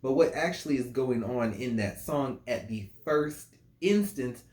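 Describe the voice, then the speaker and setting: Slow, musing male music reviewer. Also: mid-range voice, lively intonation, darkish tone. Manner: slow, musing, reads lyrics aloud. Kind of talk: casual song analysis. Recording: roomy, echoey room.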